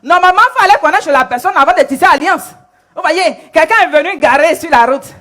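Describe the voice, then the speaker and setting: Animated woman preaching a sermon. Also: extremely high pitch, fast. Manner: animated storytelling, acts out characters.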